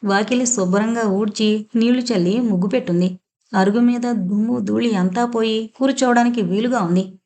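A woman narrating a novel as an audiobook, with steady, expressive storytelling. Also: on the high side, moderate pace.

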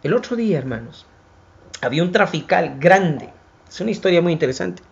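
A man preaching a sermon, addressing his listeners as brothers, rising to emphatic lines and then dropping to hushed, drawn-out phrases. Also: high-pitched, lively intonation, gravelly, lo-fi sound. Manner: dramatic preaching that swings from raised, emphatic lines to hushed near-whispers; addresses listeners as brothers and builds long repeated lists. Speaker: preacher and program host.

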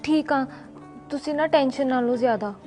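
A woman's voice: sits high, normal speed, darkish tone, soft background music, close to an everyday voice. A young woman playing a caring girlfriend who keeps reassuring him. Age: young adult.

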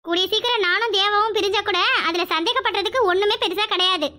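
A high-voiced performer playing a jealous, spiteful young woman who speaks in curt, cutting jabs. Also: fast, bright, forceful tone.

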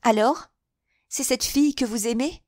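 A woman voicing a haughty, jealous wealthy lady who speaks in shrill, indignant outbursts. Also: normal speed, no echo, clean studio sound, close to an everyday voice. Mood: anguished.

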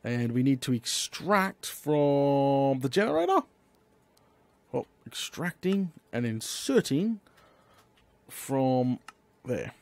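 A man giving chatty, excitable Let's Play commentary, talking to himself as he builds and bursting into eager exclamations. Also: mid-range voice, takes it slowly, gravelly, pauses often, no echo. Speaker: gaming YouTuber.

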